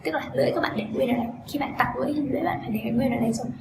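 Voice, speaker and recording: A woman's voice: sits high, very fast, gravelly. Woman teacher drilling sounds in an echoey room. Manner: drills sounds in loud repeated bursts. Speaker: English teacher. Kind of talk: pronunciation lesson. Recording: echoey room with steady background noise.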